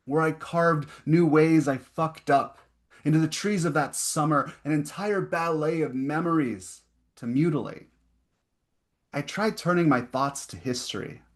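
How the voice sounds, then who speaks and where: Man reading poems at an online event. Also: medium pitch. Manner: slow, deliberate reading with rising emphasis on repeated lines; chatty, filler-heavy asides between poems. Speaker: poet reading his work. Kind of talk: poetry reading with casual asides.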